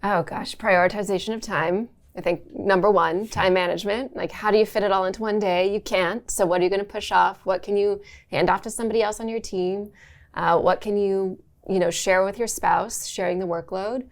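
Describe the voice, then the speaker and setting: Woman guest in an interview, mid-pitched voice, easy reflective chat. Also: fairly even intonation, a little fast. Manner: conversational, reflective, with fillers. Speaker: interview guest, brand executive. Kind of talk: interview conversation.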